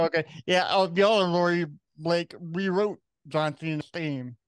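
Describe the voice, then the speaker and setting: A man in his forties hosting a casual interview, asking questions in a halting way with many fillers and restarts. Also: high voice, clean tone, dry recording. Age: 40s. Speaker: podcast host.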